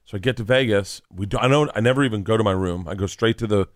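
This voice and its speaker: A man's voice: lowish voice, fast, no room sound, studio quality. A young adult man co-hosting a podcast, telling rambling stories in casual chat, swearing and acting out what people said. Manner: rambling storyteller, swears, acts out quotes. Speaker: podcast co-host.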